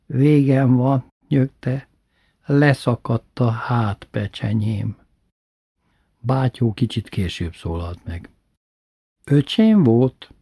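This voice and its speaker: Husky guy telling an old family story, dry and matter-of-fact, no room sound. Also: medium pitch, darkish tone, no room sound. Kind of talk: recited childhood memoir.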